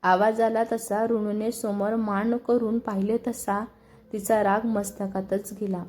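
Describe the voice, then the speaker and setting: A woman narrating a serialized family story in a steady, expressive reading. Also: mid-range voice, unhurried.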